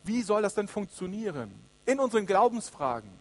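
Earnest male preacher with a high voice, addressing the congregation directly in a sermon. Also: big pitch swings, brisk.

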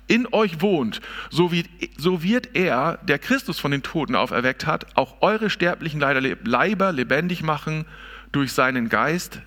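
A man preaching a sermon in an emphatic, expressive way, speaking directly to his listeners in a church. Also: fairly high pitch. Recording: long reverb of a large hall.

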